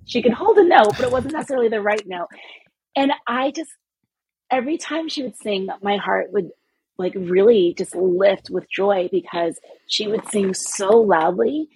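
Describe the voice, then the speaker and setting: Podcast guest, woman from California, husky, expressive and chatty. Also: mid-range voice, normal speed, rough recording. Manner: animated, expressive storytelling. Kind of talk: casual chat.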